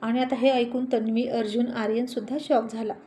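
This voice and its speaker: A woman narrating a dramatic story in a vivid, expressive reading voice. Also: fairly high pitch, moderate pace, a little hiss or hum.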